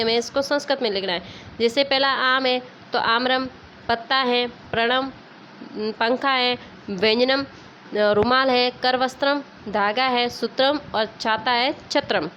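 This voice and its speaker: A woman teacher explaining a vocabulary lesson to schoolchildren slowly and patiently, spelling out words sound by sound. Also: sits high, a bit bright. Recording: dull lo-fi recording with faint noise.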